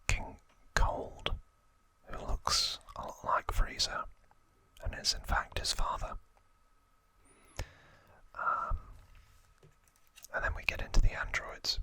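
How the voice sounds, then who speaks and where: In a clip with no audible room sound, a man hosting an ASMR video talks through trivia in a soft, breathy whisper. His manner is informal and unhurried, pausing between brief phrases.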